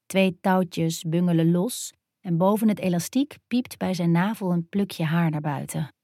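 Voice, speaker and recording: A woman narrating a first-person erotic story in an intimate, hushed and dreamy way. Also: lowish voice, no echo, studio quality.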